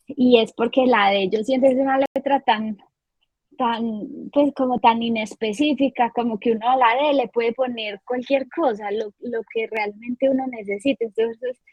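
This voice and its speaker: A woman's voice: on the high side, darkish tone, dry recording, low-quality recording. A woman poet talking casually and reflectively about her writing, often repeating words as she gathers her thoughts. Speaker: poet and author. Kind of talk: casual conversation.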